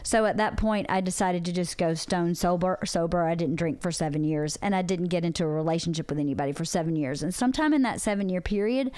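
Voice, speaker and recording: A woman's voice: on the low side, fast talker, hardly any pauses, a little mellow, clean tone, no echo. A woman in her forties on a podcast, talking earnestly and openly about a hard personal experience. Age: 40s. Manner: earnest, open and reflective. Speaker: podcast co-host. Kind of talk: candid personal conversation.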